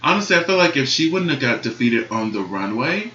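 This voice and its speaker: Lively guy chatting about a tv show with a friend, bright voice, pitch all over the place, kinda dull roomy recording. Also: a little fast, slight background noise. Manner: animated, laughs loudly and often. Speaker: co-host reviewing a TV competition show. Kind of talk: casual review chat.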